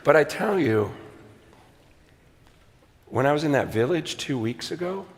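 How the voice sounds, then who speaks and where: A man in his fifties preaching, telling a story animatedly, dropping to a hush and then rising to a shout. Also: a little high, a little slow. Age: 50s. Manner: animated, swings between hushed and shouting. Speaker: pastor. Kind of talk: sermon storytelling. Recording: long reverb of a large hall.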